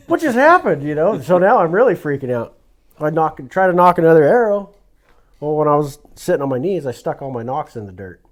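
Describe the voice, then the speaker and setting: A man's voice: on the high side, a little mellow. A man telling a hunting story in casual podcast chat, acting out the lines he quotes. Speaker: guest telling hunting stories.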